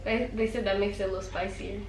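A woman's voice: medium pitch, fairly even intonation, quick pace. Chatty young woman vlogging, roomy and distant. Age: young adult. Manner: chatty, loose, with frequent ums and "like". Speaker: vlog host. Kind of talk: casual chat on camera. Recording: roomy, distant, clattering kitchen noise.

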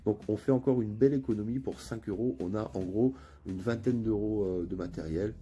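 Faint, soft music plays behind a man unboxing something on his channel. He has a northern French accent and a low, warm, mellow voice, and he chats casually while frequently stopping to hesitate.

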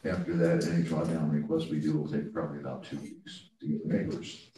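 In a conference room with heavy echo and a little noise, a distant camera picks up a man updating a board committee on a project. He's a staff member who hesitates often, filling gaps with ums and pauses, his pitch rising and falling with animation.

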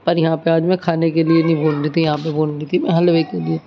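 A village vlogger chats and narrates casually in a home vlog. Her voice is low-pitched, her tone level, and she talks quickly, heard through muffled phone audio with clear background noise.

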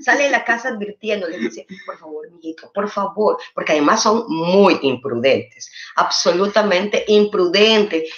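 A woman's voice: medium pitch, a bit bright. A woman with an Ecuadorian Spanish accent doing playful stand-up comedy, asking the audience to agree. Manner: playful, asks audience to confirm, acts out mothers' asides. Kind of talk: stand-up comedy, live stream. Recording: dull, roomy sound.

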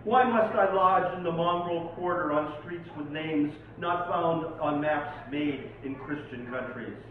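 With an unhurried delivery and a voice on the high side, an Oregon man reads his poems at a live poetry night, theatrical in manner and introducing them informally. The audio, captured from afar, sounds tinny, very reverberant and slightly noisy.

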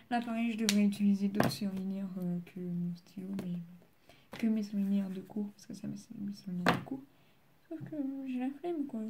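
A woman's voice: mid-range voice, background noise. A teenage girl from France doing homework on camera, chatting casually with many fillers and sometimes dropping to a murmur. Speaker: student vlogger. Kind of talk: casual study vlog.

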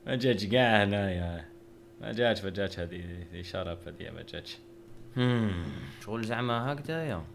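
A man's voice: fairly low pitch, expressive, brisk, vocal fry, slight background noise. A young man, casually talking through a drawing with joking, self-mocking banter. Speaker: video creator. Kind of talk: casual narration while drawing.

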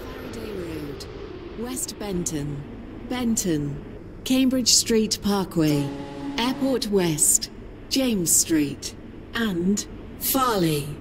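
A train PA announcement that reads out the stops one by one in a clipped list. She speaks at a very slow, drawn-out pace. Heavy train rumble sits behind the game audio. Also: animated. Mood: formal. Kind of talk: recorded calling-point announcements. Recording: game audio over loud train noise.

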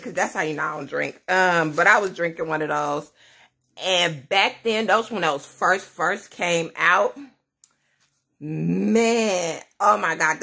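A mother of many in her 30s vlogs from a small room at home, laughing and rambling as she chats casually to camera. Her lowish voice is husky and creaky, with a pushed, bright quality.

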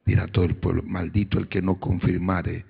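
Male pastor, gravelly voice, preaching sermon, dull lo-fi recording. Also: level tone. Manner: preaching with rising, shouted calls to praise; reads scripture aloud in a low, measured voice.

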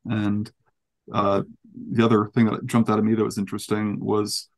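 A man in his twenties, a panelist reporting on council meetings, casually recaps a meeting over a video call from an indoor room, using a headset. He's tentative, hedging and correcting himself as he goes, in a lowish, monotone voice at normal speed.

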